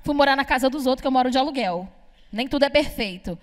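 A young woman from Brazil, speaking, does a stand-up comedy set on a club stage. Her voice sits high, and she talks in a brash, chatty way, teasing the audience and swearing freely. The room adds a long, ringing reverb. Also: expressive, quick pace. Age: young adult. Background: audience laughter.

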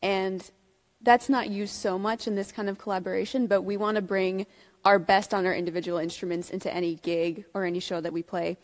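A woman's voice: medium pitch, fairly even intonation, brisk. Young woman flutist in a reverberant hall. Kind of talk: interview answers. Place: concert hall stage.

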